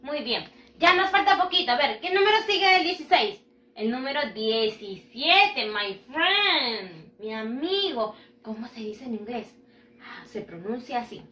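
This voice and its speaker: A woman teaching English numbers to young children in a high, lively voice that rises and falls. She speaks slowly and stretches each word out so the children can repeat it, and she praises them often. The room has a roomy echo. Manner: slow, drawn-out modelling of English words. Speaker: primary school English teacher. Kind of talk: recorded online lesson for children.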